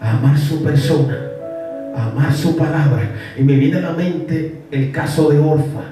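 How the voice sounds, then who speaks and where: A male pastor from Colombia preaching a fervent sermon, dropping low and soft, then rising to shouted calls for praise. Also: normal speed. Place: church sanctuary. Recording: echoey church from far off with music. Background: music.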